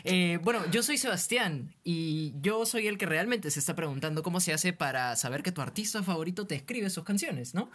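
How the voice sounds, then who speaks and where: A man narrating as the writer of an audio story, calm and teasingly amused. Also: high voice, fairly quick, hardly any pauses.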